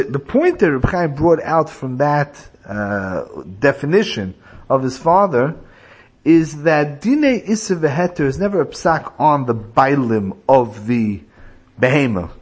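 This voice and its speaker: A man's voice: medium pitch, breathy edge. A man teaching a religious lecture, explaining points through illustrative stories. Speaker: rabbi teaching a class.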